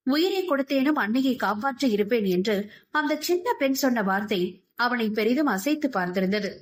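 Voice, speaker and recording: A woman reading a novel aloud as narrator, in steady, expressive storytelling. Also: fairly high pitch. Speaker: audiobook narrator. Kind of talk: scripted narration.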